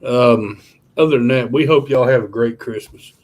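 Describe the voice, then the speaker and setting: A man's voice: mid-range voice, moderate pace, a little mellow. A tired man, chatting casually with viewers on a live stream, rambling with lots of fillers. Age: 30s. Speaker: channel host.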